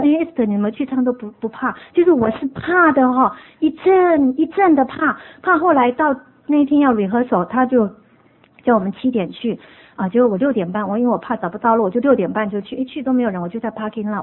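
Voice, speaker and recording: Husky woman giving church testimony. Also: fairly high pitch. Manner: earnest, emotional storytelling with laughs. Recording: tinny phone-like sound.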